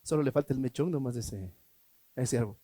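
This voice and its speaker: A man preaching a sermon as pastor, emphatic, swinging between loud and hushed, asking rhetorical questions. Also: mid-range voice, fast talker, no echo. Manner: acts out quoted voices in a mocking tone.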